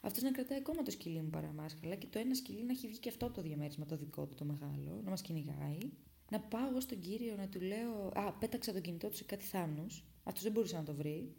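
Young woman from Greece, vlogger telling her own story; low, gravelly voice, dark tone, dramatic whisper-to-burst delivery. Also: expressive. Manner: dramatic retelling that swings between hushed whispers and loud bursts. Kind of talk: casual storytelling.

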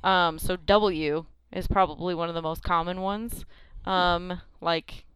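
Casting: playful woman podcast co-host, smooth clear voice, dry close sound. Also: on the low side, fairly even intonation, measured pace, fairly bright tone, no room sound. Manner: playful, quizzing, laughs often. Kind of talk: casual chat.

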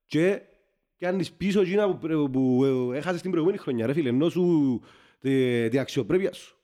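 Mellow Cypriot Greek man, halting delivery. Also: a little high. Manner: halting, circles back and repeats himself. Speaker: football fan podcast panelist. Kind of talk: casual football chat.

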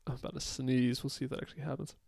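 A man's voice: mid-range voice, little pitch movement, rapid-fire, gravelly, darkish tone, no room sound. A man in his late twenties in a casual, thoughtful chat with his partner, rambling with many fillers and restarts. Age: late 20s.

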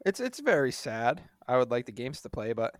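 A man with a mid-pitched voice, recorded dry with no room sound. He chats casually about sports as a podcast co-host, wry and quick to dismiss. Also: very animated, no echo.

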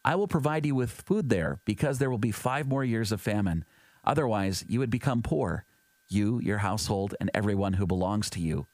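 A man reading scripture aloud in a measured, even way, giving quoted speech in his plain voice. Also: lowish voice, no room sound. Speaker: scripture reader. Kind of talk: steady scripted Bible reading.

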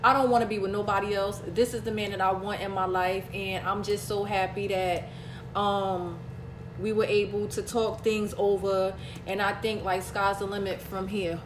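A woman in her late thirties co-hosts a podcast in a chatty, casual way, repeating herself and saying "like" a lot. Her medium-pitched voice keeps a level tone at a moderate pace, heard in a reverberant space with a noisy background.

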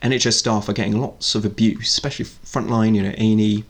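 A man's voice: lowish voice, fairly even intonation, quick pace. A British man co-hosting a casual podcast chat, talking with lots of ums and restarts. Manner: hesitant, full of fillers and restarts. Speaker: podcast co-host.

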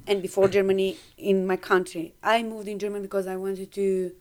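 A Romanian woman in her fifties, speaking English as a second language with a Romanian accent, appears as a guest on a podcast in a conversational interview. Her medium-pitched voice halts as she searches for words, but she grows animated when retelling stories.

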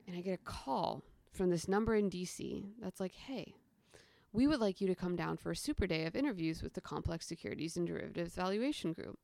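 Animated young woman telling stories. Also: on the low side, fast talker, creaky, hardly any pauses, no echo, studio quality. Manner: animated, acts out quoted dialogue, frequent "like". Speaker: podcast guest, storyteller. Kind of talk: casual storytelling interview.

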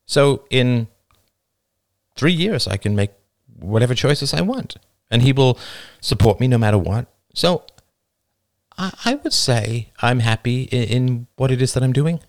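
A man reading the part of a content, earnest teenage girl in an audiobook, reflective and unhurried. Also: mid-range voice, lively intonation.

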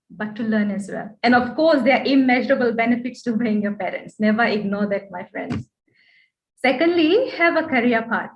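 A woman with a Fijian accent giving a prepared presentation as a guest speaker, earnest and advisory. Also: a little high. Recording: dull online call audio.

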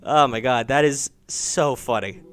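A man's voice: mid-range voice, a little slow, clear, resonant tone. A young man hosting a live stream, chatting casually with his audience and callers, swearing and joking as he reacts. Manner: animated, swears, jokes with chat, reacts loudly. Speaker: streamer taking calls.

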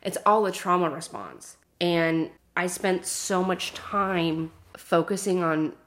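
A woman in her thirties, a podcast host, speaking directly to listeners in an earnest, encouraging personal monologue that sometimes drops to a soft whisper. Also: lowish voice, animated, slow pace. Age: 30s.

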